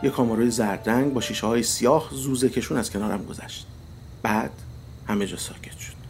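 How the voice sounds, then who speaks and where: A man telling a first-person story in a measured, wry narrating voice. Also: medium pitch, a little mellow, a little hiss or hum.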